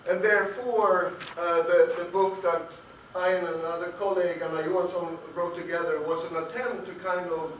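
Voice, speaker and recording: A man's voice: high voice, little pitch movement, normal speed, fairly bright tone. A male academic panelist giving a hesitant roundtable talk full of fillers. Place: conference room. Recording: echoey room, distant mic, faint noise.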